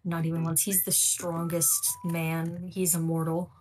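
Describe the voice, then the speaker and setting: A playful woman co-streamer giggles and teases as she chats along with the gameplay. Music plays clearly in the background. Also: sits low, completely flat delivery, measured pace, a little mellow. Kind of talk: casual gameplay chat.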